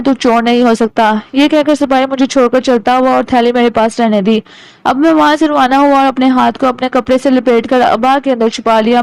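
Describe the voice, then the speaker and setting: A woman from Pakistan reading a story aloud in a steady, measured way, as an audiobook narrator. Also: sits high, clear, resonant tone, no room sound, poor audio.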